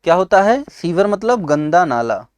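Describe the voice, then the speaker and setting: A high-voiced man with a North Indian accent teaching an exam-prep English lesson in a dry, close sound. He explains by asking questions and answering them himself, mixing English terms in. He clears his throat now and then. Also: very animated, moderate pace, no echo. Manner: clears throat and coughs often.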